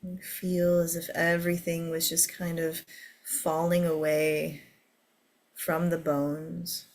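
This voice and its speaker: Slow, low-pitched woman guiding meditation. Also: flat delivery. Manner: soothing, gentle instruction. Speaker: meditation teacher. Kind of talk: guided meditation for a seated group.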